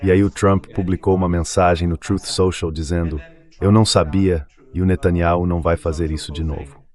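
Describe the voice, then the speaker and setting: As a commentator and professor guesting on a political interview, a man is heard through an AI-read translated dub with a very low, darkish voice. He speaks fairly quickly with fairly even intonation, earnestly and emphatically piling up repeated phrases to press each point.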